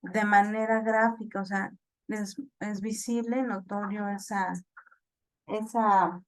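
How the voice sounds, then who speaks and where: Lady teacher, really slow, lots of ehs and repeats, dry room. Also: mid-range voice, little pitch movement, no room sound. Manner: slow, halting explanation with many fillers and repeats; checks understanding with "ok?". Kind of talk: online class lecture.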